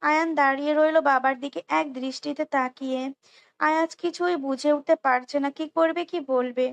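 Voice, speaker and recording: A woman with a high voice reads a romance story aloud. She reads unrehearsed, often restarting lines and breaking off for short asides. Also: steady tone, moderate pace, vocal fry. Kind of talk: reading a romance novel aloud.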